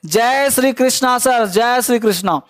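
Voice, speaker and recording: A man with a Bihari Hindi accent teaching English in a live online class. He encourages his students and repeats his prompts, urging them to answer quickly. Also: very high-pitched, a bit bright.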